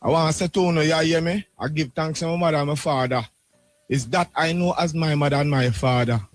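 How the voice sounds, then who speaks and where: A man's voice: a little high, steady tone, fairly quick, dry recording, soft background music. A middle-aged or older Jamaican man testifying in Rastafarian speech, with devotional greetings and repeated tags.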